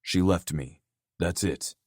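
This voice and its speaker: A man voicing a gruff, self-blaming man. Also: sits low, slow pace, no echo, clean studio sound. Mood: frustrated. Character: frustrated grown man, defensive and remorseful.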